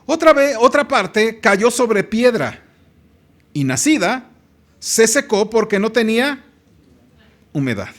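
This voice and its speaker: A man's voice: high-pitched, sing-song, slow, long pauses, fairly bright tone. A man with a Mexican Spanish accent preaching a sermon in a church, stretching out key phrases and calling on the congregation to read along. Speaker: pastor.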